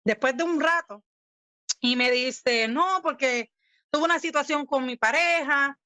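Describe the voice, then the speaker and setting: A Puerto Rican woman giving a personal testimony, telling her story with animated energy and acting out quoted lines. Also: high voice, measured pace, no room sound. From Puerto Rico. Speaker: guest sharing her testimony. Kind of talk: personal testimony in casual talk.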